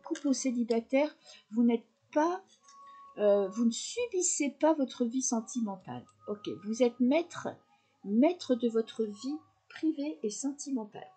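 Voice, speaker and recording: A woman's voice: a little high, lively intonation, a little slow, dark tone, slightly rough. A woman doing a casual tarot reading, talking straight to her viewers in a chatty way with frequent fillers. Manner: chatty, addresses viewers directly, many fillers. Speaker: tarot reader.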